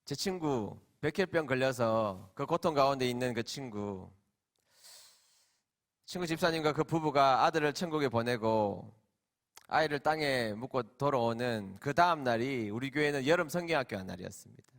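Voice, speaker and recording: A middle-aged man, a senior pastor, preaching a sermon as emotional storytelling that swings from loud, stretched emphasis to hushed quiet. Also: mid-range voice, expressive, normal speed.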